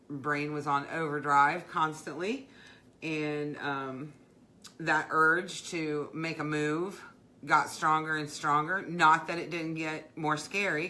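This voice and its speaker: Middle-aged woman, low and bright voice, rambling heartfelt craft-livestream host. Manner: heartfelt, rambling, many fillers and restarts. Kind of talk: casual live-stream chat.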